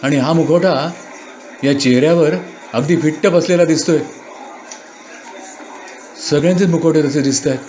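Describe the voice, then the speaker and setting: A man in a dramatic first-person monologue, bewildered and asking himself questions aloud. His voice is fairly high for a man, and the recording sounds dull and muffled. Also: normal speed, pauses often, a little mellow, faint music behind.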